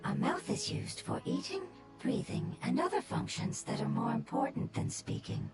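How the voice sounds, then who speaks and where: A woman voicing a calm, formal fungus creature in a game, speaking in a precise, machine-like way. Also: fairly high pitch, normal speed, natural voice. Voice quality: soft, precise, robotic manner. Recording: game audio with loud music behind.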